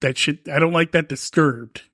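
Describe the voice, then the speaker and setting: A man in his fifties co-hosts a podcast, chatting casually in a loose, rambling style, often swearing and restarting sentences. His voice is fairly high and a bit bright, at a normal speed. The recording is dry and studio quality.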